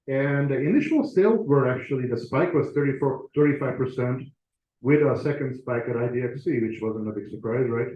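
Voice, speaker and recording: An author speaking as a guest to a club gives an informal, conversational talk before a live audience in a meeting room, with a self-deprecating touch. His mellow, mid-range voice runs a little fast, and the echoey room leaves the audio slightly muffled, with slight background noise.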